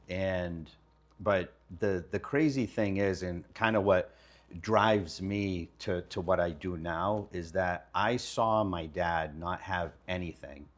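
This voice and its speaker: A deep-voiced Lebanese man in his fifties, a guest who owns a kitchen design business, tells stories casually. He comes across as relaxed and candid, using casual slang.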